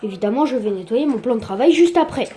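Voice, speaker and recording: A young woman giving a casual cooking tutorial in her home kitchen, chatty and quick to joke about herself. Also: fairly high pitch, lively intonation, mellow, a little hiss or hum. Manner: chatty, joking, self-mocking asides.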